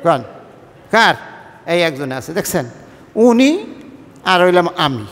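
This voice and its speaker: A man's voice: on the high side, big pitch swings, slow pace, a bit bright, big-room sound. A man from Bangladesh's Barishal region, speaking with a Barishal-tinged Bengali accent, preaching a Friday sermon. He talks conversationally, mixing colloquial and formal speech, and keeps asking the congregation questions. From Barishal-Patuakhali region of Bangladesh. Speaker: imam preaching.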